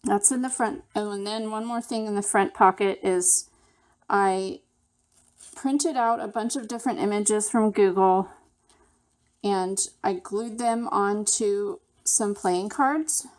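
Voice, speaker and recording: A woman hosting a craft channel, casually walking through a handmade project step by step in a relaxed, chatty way. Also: medium pitch, takes it slowly.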